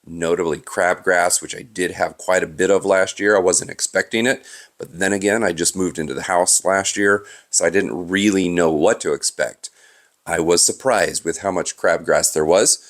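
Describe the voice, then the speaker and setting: A man's voice: low voice, steady tone, normal speed, fairly bright tone. A man with a cold and a stuffy voice, casually explaining his lawn care work in a vlog, with frequent "uh" fillers. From Southern California.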